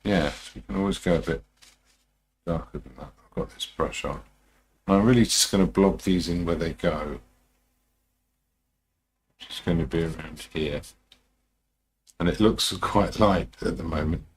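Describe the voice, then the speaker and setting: Very deep, gravelly male painting instructor. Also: a little hiss or hum. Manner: unhurried, informal muttering to himself while working. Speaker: painting instructor and live-stream host. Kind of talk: TV painting instructor style, musing aloud while demonstrating.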